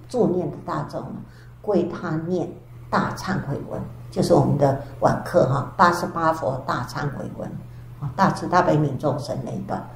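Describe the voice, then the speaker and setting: An older woman, a Buddhist nun, giving a storytelling dharma lecture with drawn-out sentence particles. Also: low voice, creaky. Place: temple lecture hall. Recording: echoey hall with faint background hiss.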